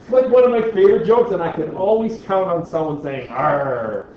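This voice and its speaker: High-pitched and animated, this teacher moves at a quick pace through a lecture while a crowd murmurs in the background. He jokes with the class and keeps asking "right?", captured in dull, echoey, lo-fi classroom audio.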